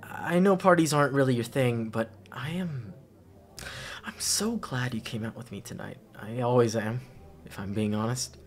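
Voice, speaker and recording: A young man voices a fond, silly best friend at a party for an intimate audio roleplay, his casual slang full of hesitations and repeats. The voice is mid-range, close to an everyday speaking voice, and sounds affectionate yet nervous.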